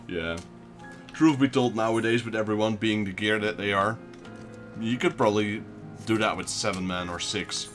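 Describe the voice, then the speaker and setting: Over soft background music, a Dutchman from the Netherlands chats with viewers during a casual let's play, speaking English with a Dutch accent as a native Dutch speaker. His voice is on the low side and fairly bright, unhurried, with frequent pauses.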